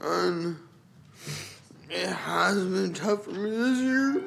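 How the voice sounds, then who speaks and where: A man giving unscripted personal testimony at a public meeting, halting and plain-spoken, with somewhat impaired articulation. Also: high voice, animated, vocal fry, crowd noise. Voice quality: impaired articulation from a dislocated jaw. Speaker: public commenter. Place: council chamber at public microphone. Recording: faint background noise in meeting room.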